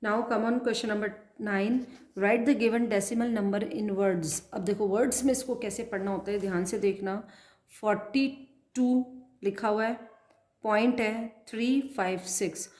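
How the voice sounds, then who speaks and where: Slow, patient maths teacher, woman. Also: medium pitch, fairly even intonation, a little mellow, roomy sound. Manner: slow and patient, counting aloud and asking pupils questions. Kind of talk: classroom math lesson, writing as she explains.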